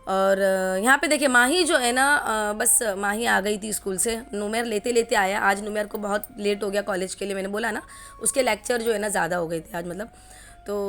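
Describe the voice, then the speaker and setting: A woman's voice: mid-range voice, fairly bright tone. A woman in her forties talking casually through a family vlog at home, rambling with lots of fillers. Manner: chatty, rambling, many fillers. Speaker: family vlogger. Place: home kitchen.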